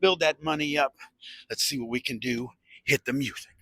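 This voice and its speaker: A man's voice: medium pitch, moderate pace, very noisy. A man giving casual running commentary as he gambles, talking to himself in short informal remarks. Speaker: gambling vlogger.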